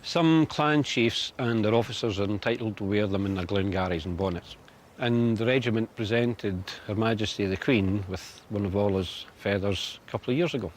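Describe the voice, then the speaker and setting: A man's voice: lowish voice, normal speed, a little hiss or hum. A man who keeps birds of prey, explaining them in a matter-of-fact way with dry humour, outdoors. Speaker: bird of prey keeper. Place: outdoor bird of prey centre.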